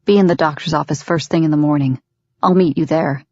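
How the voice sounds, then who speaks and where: A woman reading the part of a rough-voiced, dominant grown man in an audiobook, with clipped, commanding delivery. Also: a little fast, a little mellow, dry recording, lo-fi sound. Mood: stern. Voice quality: rough, low-pitched. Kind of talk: audiobook character voice.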